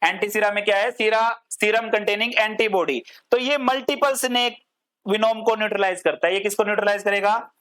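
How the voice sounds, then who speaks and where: A woman's voice: medium pitch, a little fast, fairly bright tone. Female pharmacy teacher, patient classroom lecture in Hindi and English, asks the class questions and answers them, drawls terms. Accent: Hindi-English code-switching. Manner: drawls long technical terms word by word.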